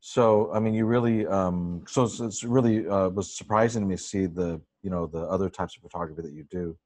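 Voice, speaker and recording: Man, low voice, enthusiastic, effusive, casual video call host, webcam mic. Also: a little fast, darkish tone. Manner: enthusiastic, effusive, searching for words. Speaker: host interviewing a photographer.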